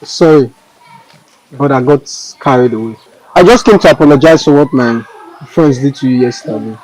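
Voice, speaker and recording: A man playing a caring young schoolmate who talks in a gentle, coaxing way. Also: medium pitch, moderate pace, natural voice, low-quality recording. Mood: apologetic. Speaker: student.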